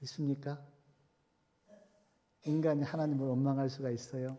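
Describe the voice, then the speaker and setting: A man's voice: mid-range voice, level tone, normal speed, mellow, slight background noise. A male pastor giving a sermon emphatically, repeating key words and asking rhetorical questions. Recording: reverberant church hall.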